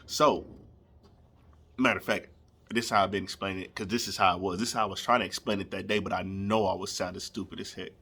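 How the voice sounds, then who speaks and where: Animated man telling a funny story. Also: deep voice, fast, slightly rough. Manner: animated, laughing, acts out scenes. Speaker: storyteller vlogger. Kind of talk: casual comedic storytelling.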